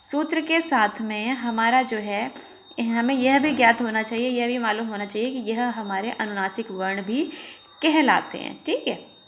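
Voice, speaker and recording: A woman's voice: a little high, slight background noise. Woman patiently teaching a Sanskrit lesson. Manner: slow, drawn-out recitation of sutras; explains patiently, often checking with "theek hai". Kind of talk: online lesson.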